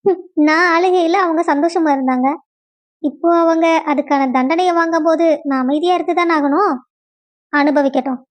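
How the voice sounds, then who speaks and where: A woman's voice: very high-pitched, normal speed. A young woman voicing a spiteful sister-in-law who taunts and gloats. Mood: gloating. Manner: smug, taunting.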